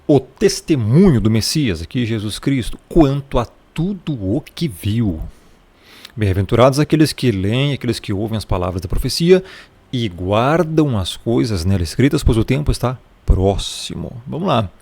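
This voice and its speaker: A man's voice: medium pitch, a little mellow, slightly rough. A man teaching a casual Bible lesson, explaining Greek pronunciation in a conversational way and repeating his points.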